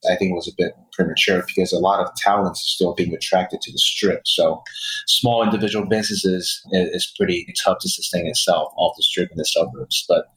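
A man's voice: sits low, steady tone, fairly quick, fairly bright tone. A middle-aged man from Taiwan and the United States answering interview questions as a guest, explaining things in a wordy, circling way. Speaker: guest, chef and restaurant owner. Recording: echoey, distorted remote podcast recording.

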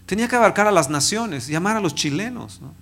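A man in his fifties, a pastor, preaching a personal testimony with emotion, dropping to a hushed voice and rising again. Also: sits high, lively intonation, fast, gravelly. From Mexico. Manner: emotional, swings from loud to hushed. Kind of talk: sermon testimony.

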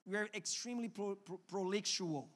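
Speaking briskly in a high, slightly bright voice, a Portuguese-accented man, Portuguese by native tongue, delivers an earnest sermon as a pastor. He frequently restarts phrases, and long hall reverb fills the recording.

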